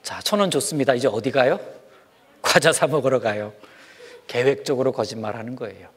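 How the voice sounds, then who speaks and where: A man giving a children's sermon, speaking in an animated way and asking the kids questions as he goes. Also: medium pitch, brisk, slightly rough. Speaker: children's preacher.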